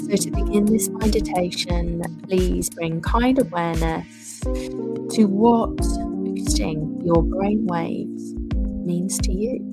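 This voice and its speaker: A woman host leading a guided meditation in a soft, soothing, unhurried way. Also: lowish voice. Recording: music playing behind the voice. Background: instrumental music.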